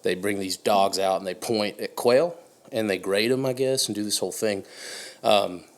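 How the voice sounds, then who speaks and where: A man's voice: lowish voice, normal speed. A young man from Canada, a musician guest, telling stories in loose casual chat with many fillers. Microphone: podcast studio mic.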